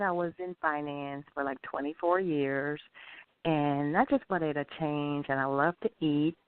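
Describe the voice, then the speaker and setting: A clear, resonant mid-range voice with no room sound belongs to a middle-aged Guyanese restaurant owner answering interview questions. The manner is friendly and chatty, with long, filler-laden explanations of dishes, though the recording is tinny and phone-like with faint hiss.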